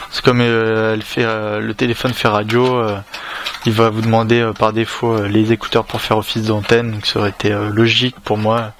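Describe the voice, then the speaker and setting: Background noise sits under this fairly low male voice. It belongs to a tech reviewer with a French accent who rambles through a laid-back unboxing, stumbling over fillers and starting sentences again.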